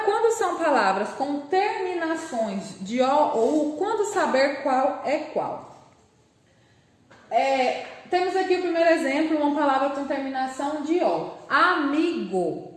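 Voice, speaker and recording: A primary school teacher with a Brazilian Portuguese accent runs a remote class for young children, speaking patiently and slowly as she sounds out words one syllable at a time. Her voice is high-pitched, and the recording is reverberant.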